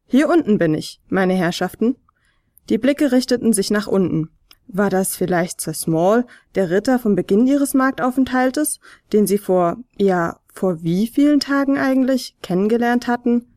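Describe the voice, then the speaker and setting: A woman narrating a children's advent story in a gentle, expressive read-aloud manner. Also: a little high, moderate pace, no echo, studio quality.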